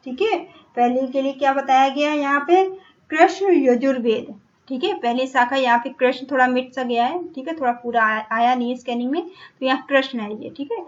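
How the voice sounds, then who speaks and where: A woman teaching an exam-prep lecture, repeating each point, asking and then answering her own questions. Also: high voice. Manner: repetitive, checks in with "ठीक है", asks and answers her own questions. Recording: dull lo-fi recording.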